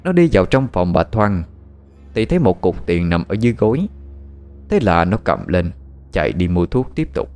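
A man, narrating a dark story in a steady, dramatic way. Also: sits low, moderate pace, soft background music.

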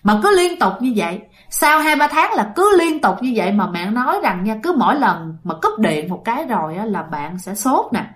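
A woman's voice: medium pitch, big pitch swings, moderate pace, few pauses. A woman narrating a ghost story in a chatty way, speaking directly to her listeners.

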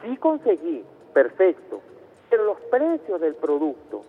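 A man's voice: fairly high pitch, huge pitch swings, measured pace, slightly rough. A Venezuelan man from Caracas calling in to a radio show, insisting on his point and cutting back in again and again. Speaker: radio caller. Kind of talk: phone-in debate. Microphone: telephone. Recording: tinny phone line with faint noise.

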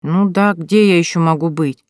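A woman's voice: on the low side, normal speed, a little mellow, no room sound, clean studio sound, close to an everyday voice. A woman voicing a curious little boy in an audiobook, asking earnest, eager questions.

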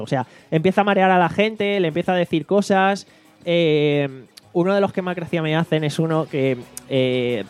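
Chatty man, slightly high voice. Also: a little mellow, dry recording. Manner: retells a comedy show with lots of fillers and swearing. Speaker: podcast host. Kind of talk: casual chat.

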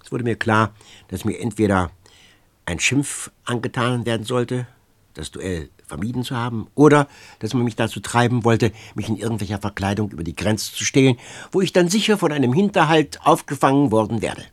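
A man voicing a stern, proud man who speaks firmly and with resignation in an audiobook, in a husky voice. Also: medium pitch, animated, no echo, natural voice. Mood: grave. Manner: stern, measured, firm. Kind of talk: audiobook reading.

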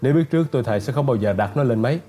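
A male narrator playing a nervous middle-aged butler who talks in a hurried, pleading way. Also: lowish voice, dark tone, close to an everyday voice. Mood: anxious.

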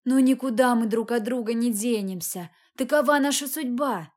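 Woman reading an angry young husband, shouty and pushy, kinda high voice. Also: moderate pace, lightly acted. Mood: pleading. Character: hot-tempered young man, jealous husband.

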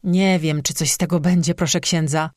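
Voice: medium pitch, steady tone, moderate pace, darkish tone, dry recording, clean studio sound, lightly acted. A narrator doing a blunt, fretful fisherman.

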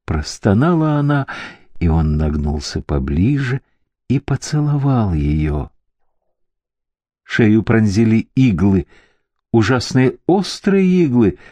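Male audiobook narrator, really slow, mellow and theatrical. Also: on the low side, very animated, no echo.

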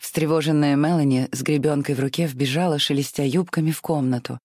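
An audiobook narrator reading a novel in a measured, expressive way. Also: mid-range voice, no room sound, clean studio sound. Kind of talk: scripted narration.

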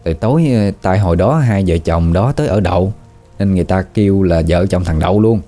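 A man with a Southern Vietnamese accent narrating a ghost story in a relaxed, folksy way with fillers. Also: low voice, a little fast, faint music behind.

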